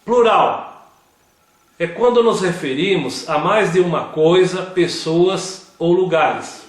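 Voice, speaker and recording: A man giving a slow scripted grammar lesson, reading word examples one at a time. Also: high voice. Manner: reads word lists one by one. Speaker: grammar teacher. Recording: very echoey room.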